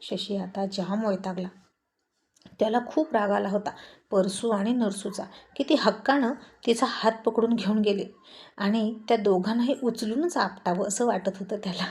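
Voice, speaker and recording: Warm, mellow woman storyteller. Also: mid-range voice, moderate pace. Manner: expressive, flowing storytelling. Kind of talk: serialized romance story narration.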